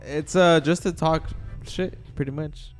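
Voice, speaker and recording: A man's voice: on the high side, steady tone, a little slow, soft background music. A young man co-hosting a casual podcast, rambling with stammered restarts and plenty of fillers. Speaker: podcast co-host. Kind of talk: casual chat.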